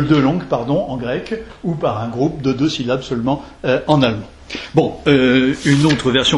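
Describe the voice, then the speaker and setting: A man with a mid-range voice lectures on verse translation in a roomy hall, with faint background noise. His talk is digressive and halting, with many restarts, and he recites lines of poetry while tapping out their rhythm aloud.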